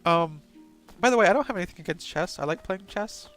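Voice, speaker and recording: High-voiced chatty man playing a game. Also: lively intonation, a little fast, a bit bright, faint music behind. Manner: chatty and joking, reads game dialogue aloud. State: stuffy nose. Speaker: let's play host. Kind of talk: casual gameplay commentary.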